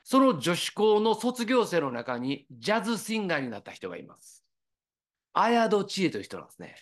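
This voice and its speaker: A man with an Osaka Kansai accent preaching a sermon, his pitch on the higher side and moving a lot. He talks casually and tells stories along the way. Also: brisk. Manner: conversational, lively storytelling with quoted voices.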